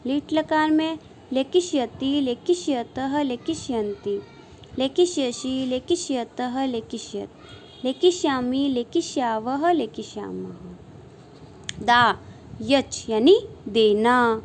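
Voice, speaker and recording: A high-pitched woman teacher recites verb forms one by one at an unhurried pace. The delivery is measured, as in a classroom grammar lesson. A faint hiss sits under the recording. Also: darkish tone.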